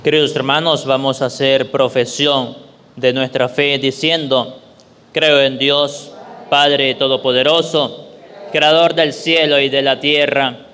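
A man's voice: mid-range voice, flat delivery, pushed and bright. Solemn man in a reverberant church. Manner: measured, solemn recitation. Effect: long church reverb. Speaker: leader of prayers at Mass. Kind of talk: liturgical reading. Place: large church. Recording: echoey church with faint room noise.

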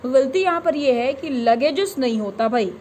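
Higher-voiced woman teaching grammar. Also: lively intonation, darkish tone, slight background noise. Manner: explains patiently, checks understanding often; reads example sentences slowly. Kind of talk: explanatory lesson.

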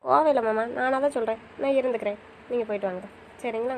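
A woman's voice: fairly high pitch, fast talker, a little mellow, slight background noise, low-quality recording. A young woman in affectionate, teasing banter with her husband, pleading and playful by turns. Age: young adult. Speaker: wife in a couple's chat. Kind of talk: casual couple banter.

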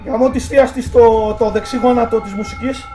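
Screaming high-pitched man. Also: fairly even intonation. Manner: panicked yelling and swearing. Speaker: streamer playing a VR horror game. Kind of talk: screaming live gameplay reactions. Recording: game music playing behind.

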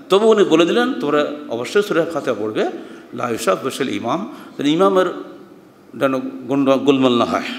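An older Bangladeshi man giving a Friday sermon, reading Arabic quotes slowly, explaining them and asking the listeners questions. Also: fairly high pitch. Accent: Bangladeshi Bengali. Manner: asks the listeners rhetorical questions. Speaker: preacher. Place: mosque hall at a madrasa. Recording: echoey hall with long reverb.

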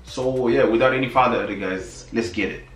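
A man's voice: mid-range voice, a little fast, reverberant, distant mic, soft background music. A young man hosting a reaction video, casual and upbeat with slang. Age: young adult. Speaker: reaction channel host. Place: small indoor room.

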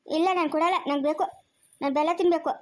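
A woman's voice: high-pitched, steady tone, fast talker, lightly acted. A woman voicing a small boy who cries and whines, calling names in a village family skit. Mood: stubborn. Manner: whiny, sobbing, name-calling. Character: small crying boy begging for jaggery.

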